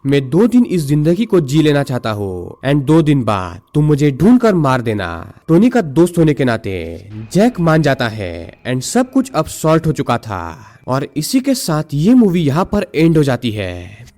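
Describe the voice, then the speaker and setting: A man narrating a movie plot recap in a lively storytelling manner, dropping English words into his sentences. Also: medium pitch.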